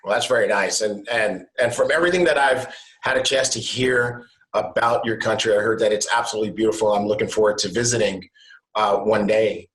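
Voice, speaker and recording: A man's voice: fairly low pitch, a little fast, fairly bright tone. A man hosting an online interview show, enthusiastic and upbeat, talking over a video call. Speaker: show host. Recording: echoey room.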